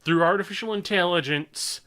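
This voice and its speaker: A man's voice: high-pitched, moderate pace, bright, forceful tone. A young adult man giving an unscripted, earnest and exasperated opinion as an online creator, often stammering and repeating words as he restarts.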